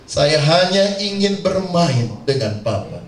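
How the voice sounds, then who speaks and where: A man's voice: on the high side, very animated, slow pace. A man voicing an earnest young son pleading with his father, in a reverberant hall. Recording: echoey church hall, mic far off.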